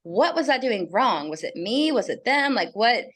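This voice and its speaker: A woman's voice: fairly high pitch, sing-song, moderate pace, a bit bright. A woman guest in a casual podcast chat, talking in an earnest, reflective way with many fillers.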